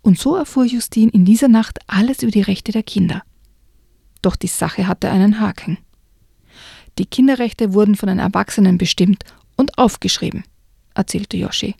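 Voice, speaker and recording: Woman with a gravelly, husky, warm voice. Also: medium pitch, normal speed, dry recording, clean studio sound. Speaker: book reviewer. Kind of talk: reading a children's book aloud and discussing it.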